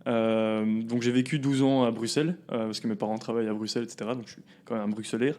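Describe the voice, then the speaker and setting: A man's voice: mid-range voice, fast talker. Young man, chatty guest. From southern Belgium. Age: 20s. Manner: relaxed, chatty, frequent fillers. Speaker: guest, company founder. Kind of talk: casual interview chat.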